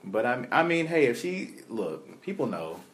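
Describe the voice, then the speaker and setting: A man chatting casually about music, relaxed and rambling, often breaking into laughter. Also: moderate pace. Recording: low rumble and faint noise.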